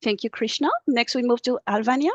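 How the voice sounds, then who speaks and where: A woman's voice: fairly high pitch, a little fast, a little mellow, dry recording. A woman moderating an online panel in a polite, orderly manner.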